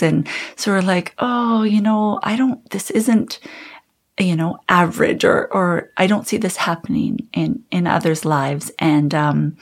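Gravelly woman, candid and halting. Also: lowish voice. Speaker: interview guest. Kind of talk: personal story in interview.

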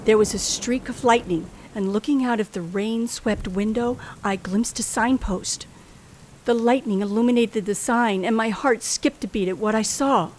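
In a faintly noisy old radio thriller recording, an actress plays a frightened, tense woman traveler, narrating with dramatic hesitation. Her voice is on the high side, a little mellow and lightly acted, at normal speed.

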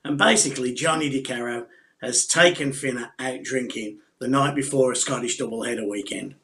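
A man co-hosting a sports podcast, leading the talk and telling lively anecdotes. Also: medium pitch, a little fast. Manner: animated anecdote teller, leads the discussion. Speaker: podcast co-host. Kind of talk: casual sports chat.

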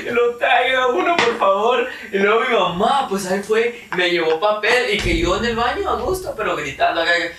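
Lively young Mexican man telling stories. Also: high-pitched, fairly quick, hardly any pauses. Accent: Mexican Spanish. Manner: animated storyteller, shouts and laughs while acting out scenes. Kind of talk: casual chat. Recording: echoey room, far from mic, noisy.

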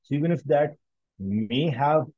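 A man's voice: fairly high pitch, expressive, unhurried, warm tone, no echo, lo-fi sound. A man with a Pakistani accent talking analytically in casual conversation, often rephrasing himself mid-sentence.

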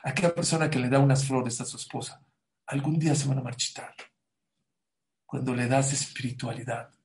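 A man's voice: medium pitch, darkish tone. A man giving a sermon with a parable, emphatic, repeating key phrases and speaking straight to his listeners.

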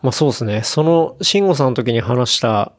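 A man's voice: medium pitch, lively intonation, moderate pace. Man, casual chat, thoughtful and hesitant, filler-heavy. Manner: thoughtful, hesitant, frequent fillers and self-corrections. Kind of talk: casual conversation.

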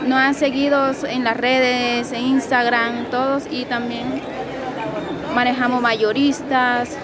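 A woman's voice: a little high, level tone, slow. A woman from Colombia's Sierra Nevada, an artisan vendor answering hesitantly. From Sierra Nevada de Santa Marta, Colombia. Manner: hesitant, searching for words. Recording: crowd noise at a fair.

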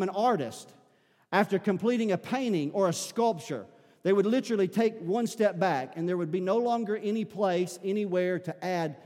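A male pastor delivers a sermon in a church sanctuary, his voice pitched notably high for a man. He works the room with call-and-response questions. The sound rings with a long hall reverb. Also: darkish tone.

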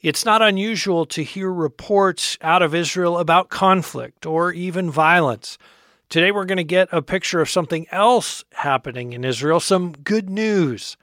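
Bright, high-voiced male radio host. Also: moderate pace, no room sound, studio quality. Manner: smooth, scripted, friendly delivery. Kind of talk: radio show introduction.

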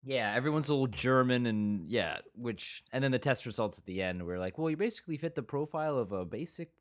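A man co-hosting a casual podcast, talking loosely and wandering into quoted asides. His voice sits at an ordinary middle pitch. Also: expressive, brisk. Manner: rambling, full of restarts and quoted asides. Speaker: podcast co-host. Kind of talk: casual review chat.

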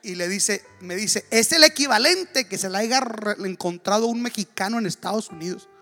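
A pastor man from Ecuador preaching a sermon, telling a story with bursts of excited exclamation. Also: sits high, normal speed, faint music behind.

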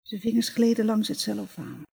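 A woman reads a novel aloud in a measured, expressive way. Her voice is breathy and slightly husky, at an ordinary middle pitch for a woman. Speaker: reader.

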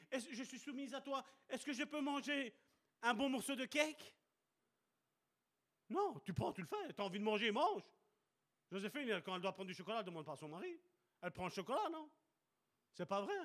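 A man's voice: high-pitched, sharp tone. A man preaching a sermon at a church service, emphatic and repeating short commands.

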